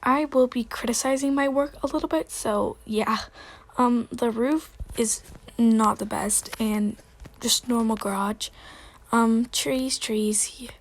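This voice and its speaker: A woman's voice: fairly high pitch, steady tone, takes it slowly. A young woman with a slightly cracky voice, giving a casual, hesitant, rambling commentary as she hosts a game tour. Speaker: video host.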